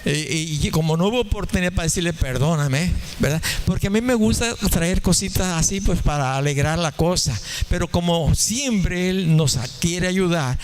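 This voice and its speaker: A man's voice: high-pitched, normal speed, few pauses, slight background noise. A man preaching a sermon, telling a funny story and chatting with the congregation. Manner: joking, anecdotal, conversational with the congregation. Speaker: pastor.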